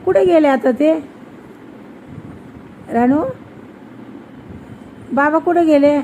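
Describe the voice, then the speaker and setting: Slow, coaxing young mother. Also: sits high, warm tone, a little hiss or hum, rough recording. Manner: slow, sing-song coaxing, repeating questions. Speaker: mother talking with her toddler. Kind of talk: casual coaxing chat with a small child.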